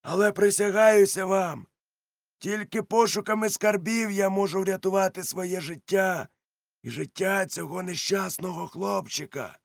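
A man voicing a sly grown pirate cook with a high, strained pleading voice, in a storybook reading. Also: unhurried, creaky, no room sound, studio quality.

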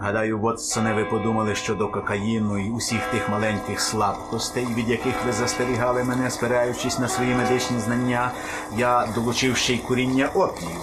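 An actor playing a composed male detective in a radio play, speaking in a measured, hushed, confident way. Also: mid-range voice, little pitch movement, music in the background, close to an everyday voice. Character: calm, commanding male detective in disguise.

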